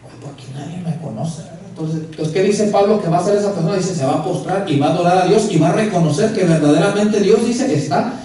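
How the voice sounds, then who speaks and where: A man preaching a sermon as pastor, telling a story with lively acted-out dialogue. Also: sits high, fast. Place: church sanctuary. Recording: echoey church hall, mic at a distance.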